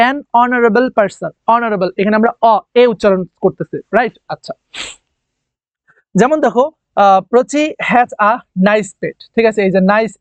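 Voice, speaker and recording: A man's voice: high-pitched, no room sound. A man teaching an English grammar lesson, repeating key words and quizzing his students with questions. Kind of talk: classroom lecture.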